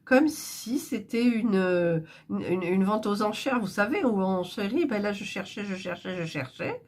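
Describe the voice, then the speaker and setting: Chatty woman, husky and stuffy. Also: mid-range voice, animated, a little slow, darkish tone. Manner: chatty, rambling, with frequent fillers and restarts. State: stuffy nose. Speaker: cross-stitch crafter vlogger. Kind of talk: casual chat while prepping thread.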